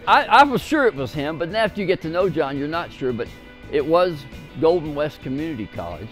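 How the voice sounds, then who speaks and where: A man's voice: fairly high pitch, sing-song, fairly quick, soft background music. A man from a university's athletics staff, recalling a former player in a documentary interview.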